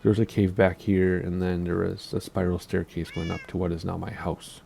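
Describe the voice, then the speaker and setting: Male gamer, Minnesotan accent, low mellow voice, rambling casual commentary. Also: flat delivery, normal speed, gravelly, a little hiss or hum. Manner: rambling, asks himself questions aloud. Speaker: Minecraft YouTuber giving a base tour.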